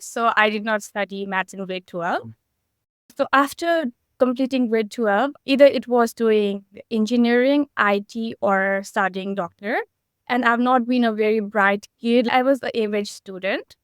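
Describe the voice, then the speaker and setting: A young woman from Nepal speaks in an earnest, encouraging way, now and then in quick bursts. Her voice sits a little high and sounds smooth and clean. The sound is dry and close. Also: a bit bright, no room sound. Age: 20s. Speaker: guest. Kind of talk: conversational interview answers.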